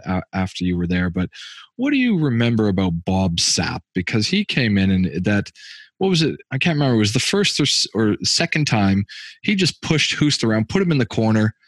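A man hosting an interview, asking questions in a lively way and sometimes searching for his words. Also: lowish voice, fairly quick, dry recording. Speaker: podcast host.

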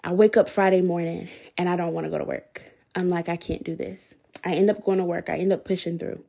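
Mellow-voiced woman sharing a faith testimony. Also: fairly low pitch, steady tone, fast, creaky. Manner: candid, conversational, preacherly emphasis. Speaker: podcast host.

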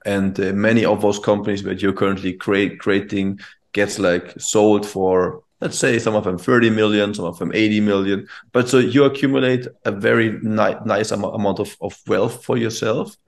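A male podcast host with a low, gravelly voice. He asks his guest a long question and rambles through it, restarting again and again before he gets to the point. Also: fairly even intonation, moderate pace. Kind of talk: conversational interview questions.

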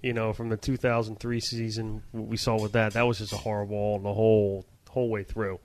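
A man's voice: lowish voice, level tone, brisk, a little mellow, a little hiss or hum. A man co-hosting casual sports banter in a home basement, giving earnest, stat-minded opinions. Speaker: co-host.

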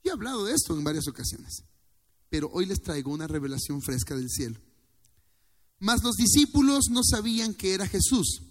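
A man's voice: high voice, sing-song, a little fast. A male pastor preaching a fervent sermon, calling on the congregation to repeat phrases after him. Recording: long church hall reverb.

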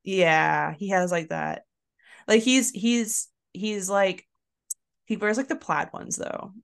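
A woman's voice: mid-range voice, takes it slowly, creaky, clean tone. A young woman co-hosting a book podcast, chatting casually with lots of fillers and giggles and reading passages aloud. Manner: giggly, filler-heavy, laughs often. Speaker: podcast co-host.

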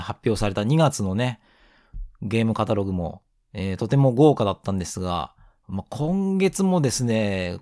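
A man of around forty with a nasal, stuffed-up voice from hay fever, hosting a casual solo gaming podcast in a polite, unhurried way. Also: on the low side, darkish tone, no room sound, studio quality. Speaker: podcast host.

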